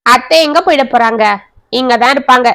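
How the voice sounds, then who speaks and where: A woman voicing a sharp-tongued young wife. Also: high voice, brisk. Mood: scornful. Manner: curt, dismissive, scornful.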